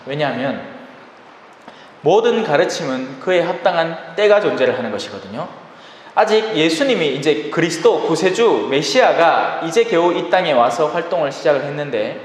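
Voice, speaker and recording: Lively priest lecturing in an echoey hall. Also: male voice, on the high side. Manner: lively and conversational, addresses listeners directly; acts out everyday people in quick voices. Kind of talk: Bible lecture in a sermon manner. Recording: roomy reverberant hall with faint ambient noise.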